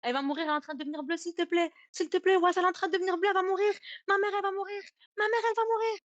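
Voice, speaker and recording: A woman voicing a panicked young man who begs frantically for help, his voice climbing higher and higher. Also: steady tone, racing, fairly bright tone, no room sound, highs cut off. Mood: panicked crying. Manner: frantic pleading, rising pitch.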